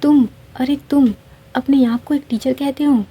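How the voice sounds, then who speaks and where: A woman's voice: sits high, steady tone, measured pace, mellow, voice pushed up. A woman voicing a pushy, stern shadow spirit who scolds and gives urgent warnings, in a cartoon story.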